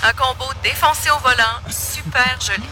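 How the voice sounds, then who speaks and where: An actress playing a teasing fast-food order taker, heard through a drive-thru intercom speaker in a radio ad. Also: female voice, high-pitched, pushed and bright, a little hiss or hum. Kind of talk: scripted radio ad acting.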